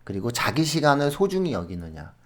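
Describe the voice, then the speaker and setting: A man on an education podcast, telling classroom stories in an animated way and laughing often as he gives advice. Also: mid-range voice, a little fast. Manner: animated storytelling with frequent laughs; explains in a friendly advising way. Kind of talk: conversational podcast talk.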